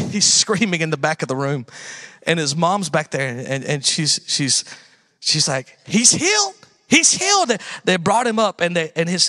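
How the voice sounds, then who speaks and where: A man preaching a sermon as a guest pastor, telling stories with folksy phrasing and swinging from loud exhortation to hushed asides. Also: fairly high pitch, no room sound, studio quality.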